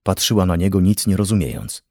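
Male audiobook narrator, very deep voice, dry studio sound, steady and grave. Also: brisk, no room sound. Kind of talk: scripted narration.

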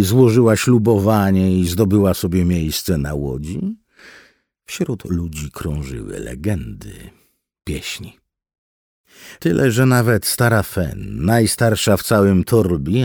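A man giving expressive, scripted audiobook narration. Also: deep voice, vocal fry, husky, no room sound, studio quality. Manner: expressive storytelling with wide swings.

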